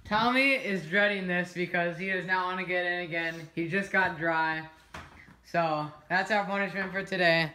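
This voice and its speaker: A teenage man hosting a casual home gaming video in a living room, getting excited and shouting at big catches. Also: high-pitched, normal speed, reverberant. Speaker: channel host.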